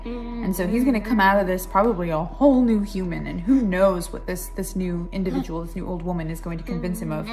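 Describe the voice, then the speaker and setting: A young woman chatting casually about a book she is reading, rambling a little and making self-deprecating asides, recorded at home in a living room on a tablet's built-in mic. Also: on the low side. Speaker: book club vlogger. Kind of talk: casual book discussion chat. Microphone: tablet built-in mic, close and low.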